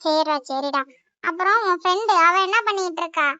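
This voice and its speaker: Woman doing a bossy cartoon tamil mom who scolds a lot, high bright voice, dry sound. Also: a little fast, no echo, muffled recording. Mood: kindly. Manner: scolding, blunt insults. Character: scolding Tamil mother, sharp-tongued and harried.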